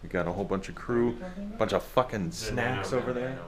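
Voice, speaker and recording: A man's voice: medium pitch, brisk. A man chatting casually to his camera as an actor vlogging from a film set, joking and swearing as he rambles. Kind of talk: casual vlog chat to camera. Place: indoors, closet and hotel rooms on set. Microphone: action camera held by himself. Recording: echoey small rooms, busy crowd noise.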